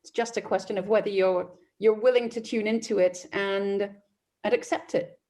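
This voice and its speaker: A woman hosting a podcast interview, asking questions and reflecting in a measured way. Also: medium pitch, fairly even intonation, warm tone.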